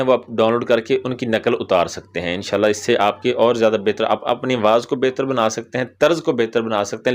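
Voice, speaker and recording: A male Quran teacher giving a tajweed lesson, speaking slowly and deliberately and drawing out example words to show how they should sound. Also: medium pitch. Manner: slow, deliberate, stretches out example words and repeats them. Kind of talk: tajweed lesson on pronouncing the call to prayer.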